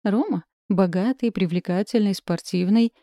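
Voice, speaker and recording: A woman's voice: medium pitch, normal speed, warm tone, no echo, studio quality, natural voice. A woman reading an audiobook, voicing an easygoing young man who teases his friends lightly. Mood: teasing. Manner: breezy, teasing.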